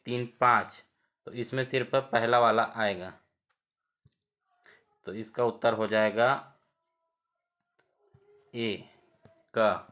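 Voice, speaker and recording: A male teacher working through exam questions one by one, reading every option aloud before he explains the answer. He speaks slowly and deliberately. His pitch barely moves and stays even and level. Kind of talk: exam quiz lesson.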